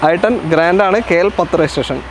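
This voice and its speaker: A man's voice: high-pitched, fast talker, rough recording. A man with a Kerala Malayalam accent hosts casually, mixing English car terms into Malayalam and repeating answers back to confirm them. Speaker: host of a used car video show. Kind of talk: casual presenting and questioning. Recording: outdoor street noise, faint traffic.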